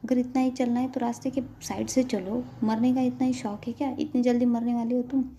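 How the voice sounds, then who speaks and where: A woman voicing an impatient, bossy young woman who scolds loudly in an exasperated way. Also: a little high, moderate pace, a little hiss or hum, close to an everyday voice. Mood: scolding.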